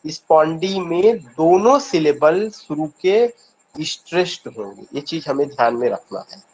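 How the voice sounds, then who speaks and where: A man's voice: on the high side, expressive, unhurried, a little mellow, muffled recording, a little hiss or hum. A man with an Indian accent teaching an online exam-prep lesson, asking questions and answering them himself, repeating key points. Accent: Indian English. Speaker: English teacher.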